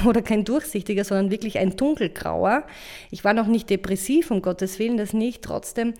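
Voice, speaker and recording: A woman hosting a podcast, talking the listener through a self-help exercise in a casual, encouraging monologue and often checking in with a quick "ja?". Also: medium pitch. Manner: warm coaching tone, addresses listener directly with frequent "ja?". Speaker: podcast host and hula hoop coach.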